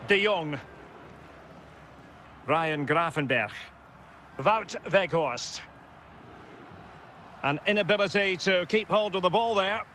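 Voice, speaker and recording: A man calling a football match play by play in brisk bursts, naming players as the ball moves, recorded in a studio and played from a game. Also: high-pitched, bright, forceful tone, a little hiss or hum. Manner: brisk calls of player names. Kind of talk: sports commentary.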